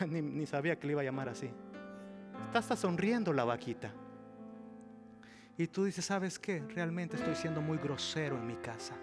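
A man preaching a sermon as pastor, acting out little dialogues, swinging from loud to a whisper. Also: fairly high pitch, lively intonation, moderate pace, pauses often. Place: church with a live audience. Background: soft piano.

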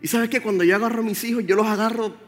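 A man's voice: sits high, fairly even intonation, racing. A man preaching a sermon, speaking directly and with animation to his congregation. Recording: roomy hall with faint music.

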